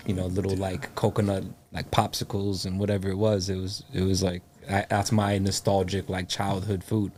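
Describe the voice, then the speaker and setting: A man from the United States talking in a very low, flat voice with a dark, mellow tone. He rambles in a relaxed way, full of "like" and "you know", with faint room ambience behind him. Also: slight background noise. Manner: laid-back, rambling with many fillers. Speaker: guest, coffee company founder. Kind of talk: casual podcast chat.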